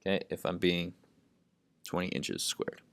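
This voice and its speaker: Deep-voiced man tutoring math. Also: a little slow, vocal fry, a bit bright, clean tone. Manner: says "okay" constantly, thinks aloud step by step. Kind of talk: lesson narration while writing.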